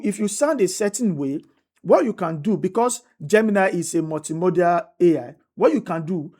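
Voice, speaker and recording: Her voice fairly low and dark, an instructor explains a screen-recorded tutorial step by step. She is repetitive, going over each step again and checking in with "right?"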